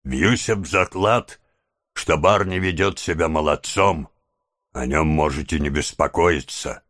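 An obliging tavern keeper, read by a man in a storybook speaks in a measured, confidential way. His voice sits very deep and reassures at an unhurried pace. It comes across close and dry. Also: fairly bright tone, no echo. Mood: reassuring.

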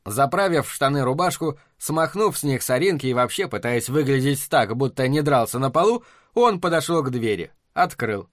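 A man narrating an audiobook in an even storytelling manner. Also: medium pitch, no room sound, studio quality. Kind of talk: scripted narration.

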